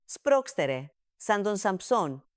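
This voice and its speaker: A woman voicing a grumpy, bossy older family patriarch in a comic storybook reading, with a smooth, dry sound. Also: medium pitch, sing-song, dry recording, close to an everyday voice. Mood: shouting. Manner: grumbling, bossy outbursts. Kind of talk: storybook character voice.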